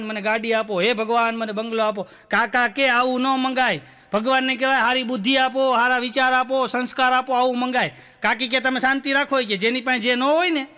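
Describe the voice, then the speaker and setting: A man's voice: very high-pitched, pushed and bright. A man with a Gujarati accent telling stand-up jokes, acting out the characters in his stories and laughing through the punchlines. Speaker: stand-up comedian.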